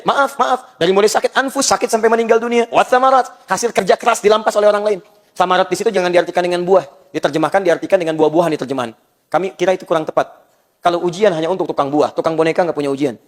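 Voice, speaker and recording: A man preaching in a lively, joking way, breaking into small acted-out scenes between his points. His voice sits fairly high for a man, and it rings with the long reverb of a large hall. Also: fast talker. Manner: animated, joking, acts out little quoted scenes. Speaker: ustadz preacher. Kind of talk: sermon.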